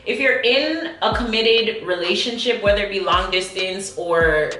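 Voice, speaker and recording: A woman's voice: mid-range voice, a bit bright. A woman answering viewer questions in a casual, chatty video, with emphatic, slangy delivery. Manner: emphatic, slangy, quick to laugh. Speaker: vlog host reading viewer questions. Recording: roomy echo, faint background music. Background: faint music.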